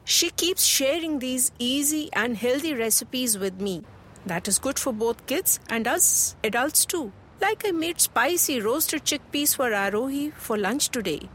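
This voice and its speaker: A woman's voice: sits high, lively intonation, measured pace, fairly bright tone, slight background noise, poor audio. A woman with an Indian accent playing a helpful, health-conscious mother in a scripted chat, instructive and mixing Hindi into English. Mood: chatty, helpful. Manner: chatty, instructive, Hindi-English code-switching. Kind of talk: scripted conversational dialogue. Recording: music bed under the voice.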